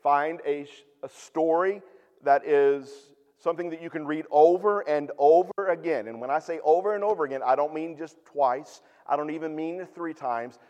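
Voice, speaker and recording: A man preaching a sermon as pastor, teaching earnestly and moving between hushed, quiet stretches and emphatic, raised passages. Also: a little high, moderate pace, long reverb tail, highs cut off.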